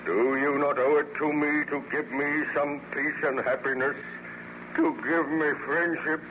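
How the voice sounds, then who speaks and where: An actor playing an artificial monster, a bitter lonely outcast, in formal declamatory old radio serial style with dramatic pauses. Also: male voice, fairly high pitch, fairly even intonation, close to an everyday voice. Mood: bitter reproach. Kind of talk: 1930s-40s radio serial acting. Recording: noisy muffled old radio recording.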